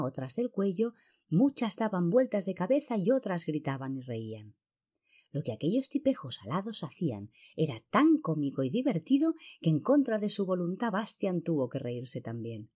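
Woman reading a fantasy book aloud, husky voice, lively, kinda muffled recording. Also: on the low side. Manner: expressive storytelling. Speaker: narrator. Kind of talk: audiobook narration. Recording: dull lo-fi.

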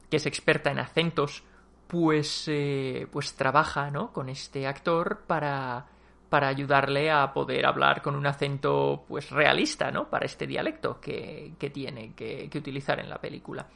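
A man from talks through a film in a loose, rambling way, full of fillers and restarts. His voice sits a bit high and has a gravelly, creaky edge. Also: little pitch movement, measured pace, sharp tone. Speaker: film reviewer. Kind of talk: casual spoken film review.

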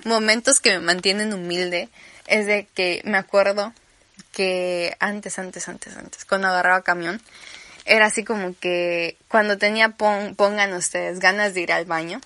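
Young Mexican woman, Campeche accent, solo podcast host; bright, chatty, rambling, dry close mic. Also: medium pitch, steady tone, a little slow, no echo. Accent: Mexican Spanish, Campeche. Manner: chatty, rambling, laughs easily, playful asides. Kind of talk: casual solo podcast chat.

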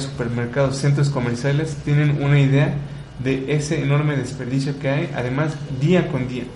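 A man's voice: medium pitch, darkish tone, echoey room, slight background noise, rough recording. A man giving earnest commentary, asking rhetorical questions and repeating words for emphasis. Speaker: radio host. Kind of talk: reflective commentary on environmental issues.

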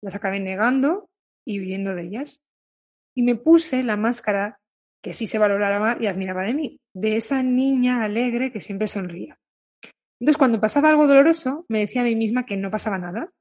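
Breathy, candid woman from Spain. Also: a little high, a little fast. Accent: Spain Spanish. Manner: calm, candid, confiding storytelling. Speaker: therapist who treats eating issues. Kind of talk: personal reflective monologue to viewers.

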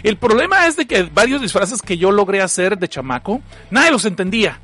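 A man's voice: high-pitched, very animated, brisk, pushed and bright. A man from Mexicali with a northern Mexican accent, hosting a livestream and reading out chat messages in a joking, slangy way that is full of laughs. He has a cough. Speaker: livestream host.

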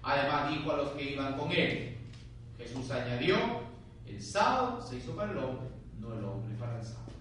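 A man, a friar, teaching a theology class, reading scripture aloud and explaining it in a lively, conversational way while he questions his students. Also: medium pitch, normal speed. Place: lecture room. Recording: very echoey room, far from mic, faint hiss.

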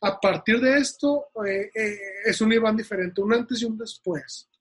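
Husky Mexican-accented host, eager interviewer. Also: mid-range voice, moderate pace. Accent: Mexican Spanish. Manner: enthusiastic, exhorting listeners. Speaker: podcast host. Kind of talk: casual interview.

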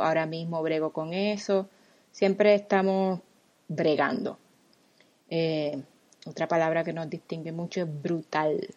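A woman's voice: sits low, a little mellow, lo-fi sound. A woman from Puerto Rico with a Puerto Rican accent, explaining everyday words with examples in a casual, friendly talk. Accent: Puerto Rican Spanish. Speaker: language blogger guest.

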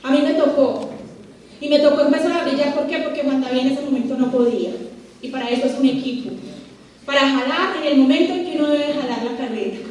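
A woman's voice: sits high, a little fast, a little mellow, a little hiss or hum. A woman speaking at a business meeting, giving an emphatic motivational speech to the audience and asking rhetorical questions. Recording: roomy echoing hall, voice from far off.

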